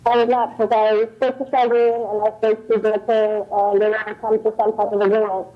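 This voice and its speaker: A woman's voice: mid-range voice, little pitch movement. Muffled woman, as if through a wall. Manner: hesitant, halting answers. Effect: muffled, as if heard through a wall. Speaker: tenant giving testimony at a hearing. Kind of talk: answering questions at a remote hearing. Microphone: earbuds mic covered by her hand. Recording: muffled, dull remote call audio.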